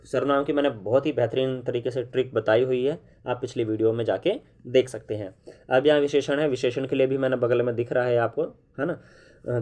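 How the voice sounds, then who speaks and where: A male grammar teacher talks through an online lesson at an easy, unhurried pace. He repeats each new term, asks the viewers questions and keeps checking that they are with him. His pitch sits right in the middle for a man. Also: dark tone. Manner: explains slowly, with frequent "है ना" and "ठीक है" check-ins; repeats key terms for emphasis and puts questions to viewers. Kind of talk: classroom-style online lesson.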